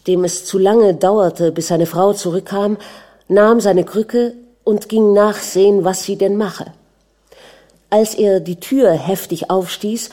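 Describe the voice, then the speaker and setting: A woman narrating a literary novel aloud in a calm, measured reading. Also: mid-range voice. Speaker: audiobook narrator.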